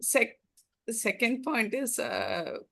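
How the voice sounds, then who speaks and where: A woman with an Indian accent offering suggestions in an online training session, halting and repeating her phrases. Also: a little high, wildly swooping pitch, creaky, fairly bright tone. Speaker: training participant.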